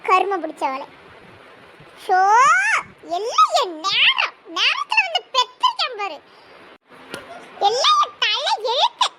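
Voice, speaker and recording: A woman voicing a loud, exasperated village mother in a family cartoon, scolding and lamenting at length. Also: very high voice, huge pitch swings, takes it slowly, pauses often, heavy background noise, full character voice. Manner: scolding, dramatic complaining. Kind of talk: cartoon dialogue.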